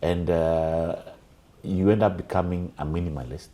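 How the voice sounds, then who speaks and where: A man's voice: low-pitched, steady tone, normal speed, dark tone. A man, a guest in a casual panel chat, telling reflective stories with fillers.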